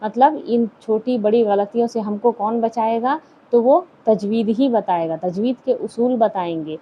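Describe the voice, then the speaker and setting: A woman's voice: fairly high pitch, lo-fi sound, slight background noise. A woman teaching a lesson on Quran recitation. She asks her listeners questions, answers them herself, and repeats the key points.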